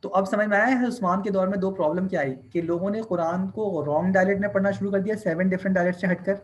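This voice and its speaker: In a classroom, a higher-voiced male teacher dictates notes in a steady tone, going slow and deliberate for the English dictation and explaining in Hindi-Urdu between lines.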